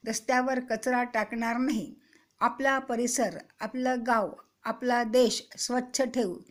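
A woman voicing an excited, chatty young boy telling his sister about a mishap in a children's story. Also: a little high.

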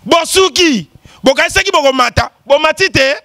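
A man with a very high, bright voice hosts the show with lively commentary. He teases and jokes, often stopping to exclaim and laugh. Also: normal speed, gravelly, no room sound, clean studio sound. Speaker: show host. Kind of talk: animated commentary.

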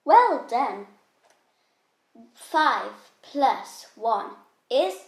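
A woman acting as a patient teacher in a playful classroom skit for children, speaking clearly with mock-strict moments. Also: sits high, very animated, extremely slow. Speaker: co-host playing a teacher. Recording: roomy echo.

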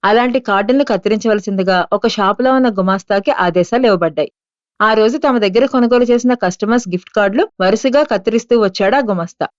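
A woman reading an audiobook aloud in a steady, measured manner. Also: medium pitch, no room sound, muffled recording. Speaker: audiobook narrator. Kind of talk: scripted audiobook narration.

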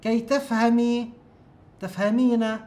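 A male teacher giving a recorded grammar lesson. He speaks slowly and deliberately, repeats example sentences and thinks aloud as he explains. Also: extremely high pitch, level tone, dark tone.

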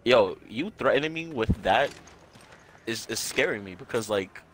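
A man's voice: medium pitch, animated, normal speed, a bit bright, slight background noise. A man joking and complaining in a mock-indignant way while playing a co-op game. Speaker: gamer playing co-op. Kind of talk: casual gaming commentary.

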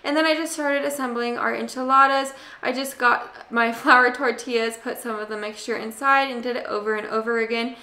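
Young woman, cooking vlog voice-over, higher pitch, crisp bright tone, roomy echo. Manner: chatty, relaxed, addresses viewers as "you guys". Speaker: cooking channel host. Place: home kitchen.

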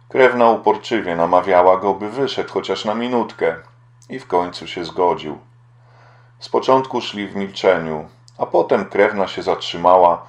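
A man narrates a book in a steady, solemn manner. His voice sits low and the reading is plainly scripted. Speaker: audiobook reader.

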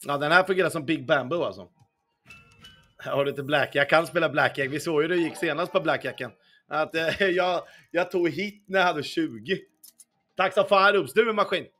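A fairly high-pitched, fairly bright male voice belongs to a young man streaming casino games. He talks casually with viewers and answers their chat while playing, swearing often and humming to faint background music.

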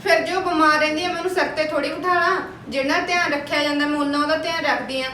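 A woman's voice: sits high, steady tone, pushed and bright. A woman playing a fed-up young daughter-in-law who complains about her household, speaking. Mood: complaining. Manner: complaining, rapid arguing. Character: fed-up young wife, quarrelsome then weary. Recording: echoey room from a far mic, noisy.

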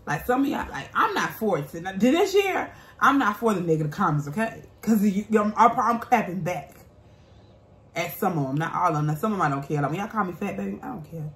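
Her medium-pitched voice is animated, fairly quick and a bit bright as this vlogger and mukbang host in her thirties chats casually. She answers viewer comments with blunt, emphatic sass. The recording, made indoors in a small bare-walled room at home, has roomy echo and faint background noise.

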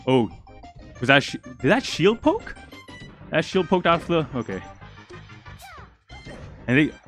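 A young man calls a live match in a breathless, excitable rush, tripping over his words as the action unfolds. His voice is an ordinary middle pitch, with faint music playing underneath. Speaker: esports commentator. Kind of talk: live game commentary.

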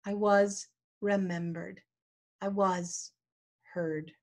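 A middle-aged woman pastor preaching a sermon, telling a personal story with a slow storytelling cadence and dramatic pauses. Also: medium pitch, steady tone, a little mellow.

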